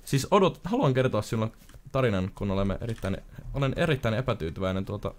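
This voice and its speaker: Low-voiced man chatting over a game. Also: lively intonation. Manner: chatty storyteller, sudden loud outbursts. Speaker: gamer co-host. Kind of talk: casual let's-play chat.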